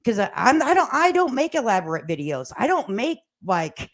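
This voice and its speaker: An older woman hosts a casual livestream, reading viewer comments aloud in a folksy, sassy, plain-spoken and slangy way. Her voice is on the high side with big pitch swings and a moderate pace, picked up by a standalone mic at a laptop.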